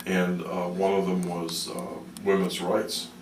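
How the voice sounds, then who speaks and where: A man telling stories as a radio interview guest, conversational and halting, often repeating words as he thinks. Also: sits low, completely flat delivery. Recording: roomy, noisy, distant-mic radio interview.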